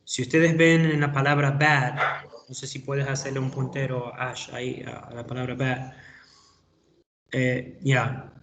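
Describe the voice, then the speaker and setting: A middle-aged man with an Ecuadorian Spanish accent, giving feedback to students in an online class, slow and explanatory with many hesitations. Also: medium pitch, little pitch movement, gravelly, a bit bright, a little hiss or hum. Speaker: English teacher.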